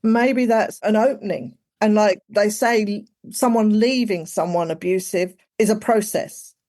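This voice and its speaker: A woman's voice: medium pitch, a little slow, a little mellow. Chatty woman in her forties, conversational podcast guest, mid-range voice. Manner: chatty, frequent "like" and "you know". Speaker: guest, executive coach.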